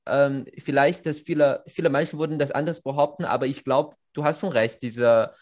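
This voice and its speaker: A man with Chinese as his first language chats casually in German as a conversation partner, hesitating often with fillers and restarts. His mid-range voice keeps a fairly even intonation at a moderate pace, with a darkish tone.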